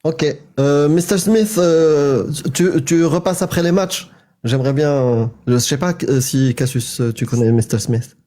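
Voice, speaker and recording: A man co-hosting a casual live stream, friendly and halting, with many fillers. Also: on the high side, fairly even intonation, mellow.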